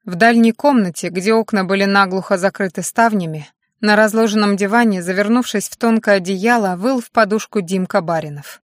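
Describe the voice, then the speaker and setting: A woman narrating a first-person audiobook in a steady, even manner. Her voice is mid-pitched and unremarkable in height. The sound is dry and close, with no room around it. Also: a little fast, no room sound.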